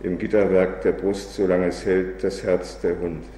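Man reading a bitter drunken old revolutionary, dark low voice, long hall reverb. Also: level tone, moderate pace, far from the mic, natural voice. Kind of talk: reading a play aloud. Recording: echoey hall, faint background noise.

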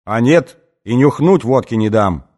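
A man voicing a brutal, drunken male gang boss in an audiobook, shouting and snarling threats. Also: mid-range voice, expressive, moderate pace, natural voice. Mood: yelling orders. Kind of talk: audiobook character voice.

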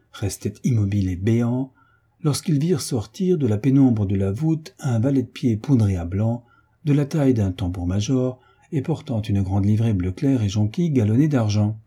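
Husky low guy reading an old novel aloud, dark mellow tone. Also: lively intonation. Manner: measured, storytelling. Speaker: narrator. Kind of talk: audiobook narration.

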